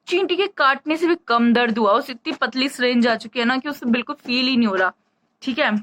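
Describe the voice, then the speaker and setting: A woman's voice: a little high, fairly quick, a bit bright, rough recording. A woman telling a rambling, chatty story to camera in a casual vlog, short of breath as she speaks. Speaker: vlogger.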